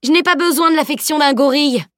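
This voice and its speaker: A woman's voice: a little high, animated, moderate pace, no echo, studio quality, pitched above the performer's own voice, lightly acted. A woman reading the part of a cheeky teenage boy who protests and teases, in a raised, strained voice. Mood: whiny protest. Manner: protesting, teasing.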